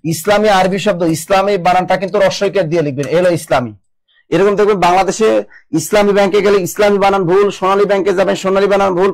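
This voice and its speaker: A male teacher runs a live spelling class online. His voice sits fairly high, and he keeps pressing the students to answer fast, repeating each word as he drills them. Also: creaky, rough recording. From Bangladesh. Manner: brisk and urging, repeats words, drills students.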